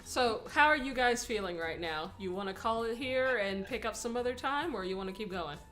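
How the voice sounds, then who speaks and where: A woman's voice: fairly high pitch, brisk, faint music behind. A woman streamer chatting casually with friends while playing a game, asking what the group wants to do. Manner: lively, asks the group questions.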